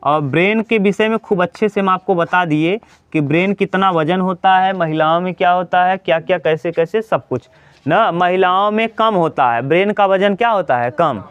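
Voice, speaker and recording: A man teaching a class in a relaxed lecture style, often asking questions and answering them himself. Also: high-pitched, moderate pace, clear, resonant tone, no room sound.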